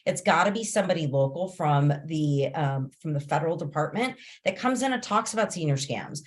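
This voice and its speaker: A woman's voice: deep voice, lively intonation, a little fast. Woman hosting a casual video call. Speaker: host of an online realtor training call.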